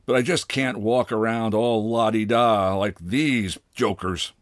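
A man reading a storybook lightly acts the part of a pompous, bitter old father with a wooden leg, mocking in a sardonic, drawn-out way. The voice sits on the low side with fairly even intonation, recorded at studio quality without room sound.

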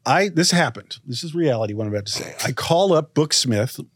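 Rambling male podcast co-host, animated storyteller, dry close mic. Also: medium pitch, a little fast, husky, dry recording. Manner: rambling, animated, acts out quotes. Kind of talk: casual storytelling chat.

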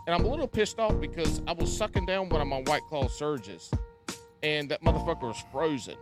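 A man co-hosting a podcast with rambling, joking, profane banter and a gravelly voice. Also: a little high, expressive, a little fast, over loud music. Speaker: podcast co-host.

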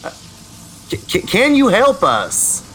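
Man, tabletop player, very animated pitch, slow halting stammer, improvised role-play, faint noise.

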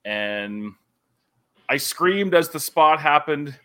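A man's voice: on the high side, takes it slowly. A man in his forties, a wrestling commentator, telling stories animatedly in a casual podcast chat. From Canada. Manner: animated storyteller, laughs often.

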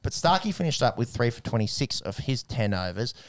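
A man's voice: mid-range voice, big pitch swings, fairly quick. A man with an Australian accent hosting a casual sports chat in a blokey, slangy way. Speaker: sports podcast host.

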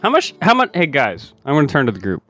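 Excitable swearing guy at a tabletop game, bouncy voice, muffled audio. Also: fairly high pitch, quick pace. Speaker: player. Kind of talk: casual tabletop game chat. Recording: dull lo-fi audio.

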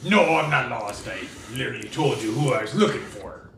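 Man doing a gravelly piratey dwarf cleric, stubborn, bright tense voice, echoey room with faint noise. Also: medium pitch, animated, fairly quick, voice pushed down. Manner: stubborn, defiant.

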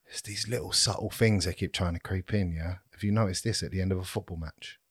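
A fairly low-voiced man with a southern English accent. He co-hosts a casual podcast, chatting and bantering in a matey, blokey way. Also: a little fast, husky. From Britain. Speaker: podcast co-host.

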